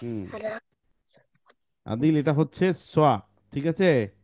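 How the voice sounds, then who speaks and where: A man teaching children phonics in an online class over a video call, sounding out each blend slowly and repeating it several times. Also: on the high side, expressive, darkish tone.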